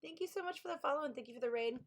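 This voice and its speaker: Her voice sits high and races along as this author streams writing sprints. A Southern-accented woman from Kentucky, she chats casually with viewers about her books, keeps things chatty, thanks people and reads chat messages aloud.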